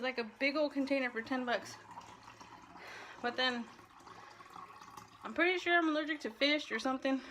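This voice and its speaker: A woman's voice: fairly high pitch, bright, forceful tone, slight background noise. A woman fitness vlogger talking casually in a rambling, slangy way, breathless from exercise. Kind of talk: casual chatty workout vlog.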